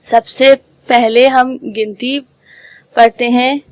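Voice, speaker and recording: A woman teacher dictates slowly and carefully, spelling each word out letter by letter for young pupils. Her voice sits a little high and sounds smooth and clear. The recording is close and dry. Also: fairly even intonation, no room sound, rough recording. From Pakistan. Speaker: school teacher. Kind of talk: online class lesson, spelling out words.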